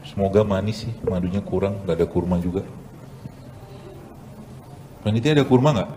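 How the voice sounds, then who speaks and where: A man, a doctor, giving a casual health lecture with a live demonstration, animated and joking, asking rhetorical questions and answering them himself. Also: low voice, normal speed, a little hiss or hum, low-quality recording. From Indonesia. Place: event hall with audience.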